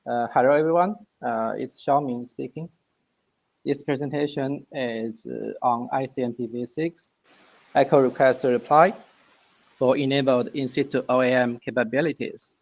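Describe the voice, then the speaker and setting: A man's voice: medium pitch, fairly even intonation, normal speed, gravelly. A man giving a technical presentation over a remote call, his microphone clipping and distorting so the audio breaks off. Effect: clipping, distorted mic audio that breaks off. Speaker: presenter at a working group meeting.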